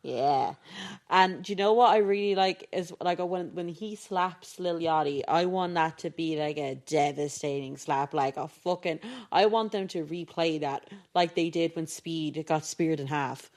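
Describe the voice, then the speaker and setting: A woman's voice: sits low, a little slow, a little mellow. A woman co-hosting a casual wrestling podcast, chiming in with short quips. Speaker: podcast co-host. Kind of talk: casual wrestling fantasy booking chat.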